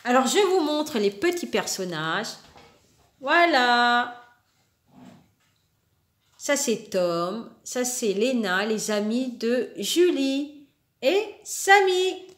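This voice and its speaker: A woman's voice: a little high, lively intonation, drawn-out words, long pauses, roomy sound. A woman reading children's storybooks aloud with playful character voices, laughing now and then and chatting between lines.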